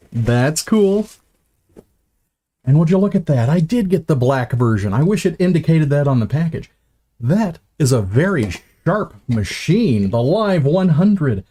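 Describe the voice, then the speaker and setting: Chatty man unboxing gear, mellow tone. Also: on the high side, sing-song, measured pace. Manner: chatty and self-mocking, fumbles and restarts. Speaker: host unboxing gear on a live stream. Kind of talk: casual live-stream unboxing chat.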